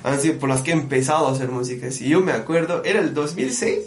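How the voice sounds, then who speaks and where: Man, musician guest, animated storyteller, slightly high voice, echoey room. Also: fast talker. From Bolivia. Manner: animated storyteller, often calls the listener "brother". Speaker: musician and producer, podcast guest. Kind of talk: casual podcast conversation. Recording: echoey room with faint background noise.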